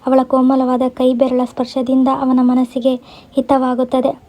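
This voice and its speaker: A woman storyteller reading a scripted story in a steady, even way, in a dull lo-fi recording. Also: high voice, moderate pace.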